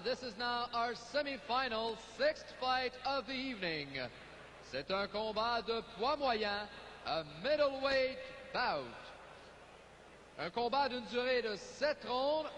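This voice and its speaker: A male boxing ring announcer with a Quebec French accent delivers formal, drawn-out introductions. His voice booms high and very deliberate, ringing long through an arena PA with faint noise. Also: animated, fairly bright tone, in a large hall. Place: indoor fight arena over loudspeakers.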